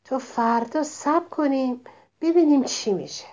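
Storybook figure: a woman putting on a calm, gentle old rabbit leader who speaks softly and evenly. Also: sits high, voice pushed up. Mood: calm, advising.

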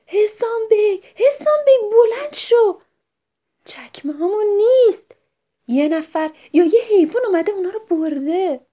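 Woman doing a greedy whiny traveler man, storybook tale, high animated voice, muffled lo-fi sound. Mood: alarmed. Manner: whiny and grumbling, sometimes shouting. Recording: muffled lo-fi recording.

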